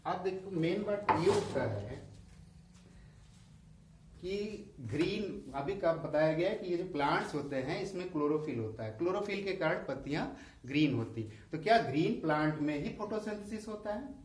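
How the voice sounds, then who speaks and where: A man's voice: on the high side, animated, normal speed, a little hiss or hum. A male school science teacher with a Hindi accent, explaining a lesson and asking questions that he answers himself. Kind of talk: classroom lesson explaining diagrams. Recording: echoey room, voice a bit far from the mic.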